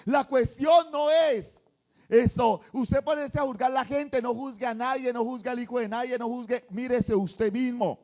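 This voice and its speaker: A man preaches a sermon in a church. His voice sits high for a man. He talks animatedly and acts out what churchgoers say. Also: steady tone, moderate pace, a little mellow. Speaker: pastor.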